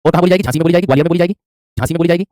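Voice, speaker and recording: Male Hindi teacher, rapid-fire delivery, dry close sound, repeats and quizzes. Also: a little high, a little mellow, no room sound. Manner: repetitive, quizzing, calls students "my friend". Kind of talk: online class lecture.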